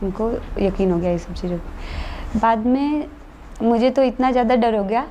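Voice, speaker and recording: A woman's voice: a little high, moderate pace, dark tone, a little hiss or hum. A woman, earnestly recounting her own experience as an interview guest. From India. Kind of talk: personal account in an interview.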